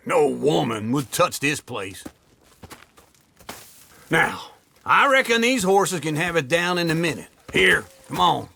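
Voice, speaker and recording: A man's voice: a little high, sing-song, slow pace, gravelly, long pauses, sharp tone, a little hiss or hum, exaggerated voice. An actor playing a crude old male drifter who mocks and needles in a video game. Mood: mocking.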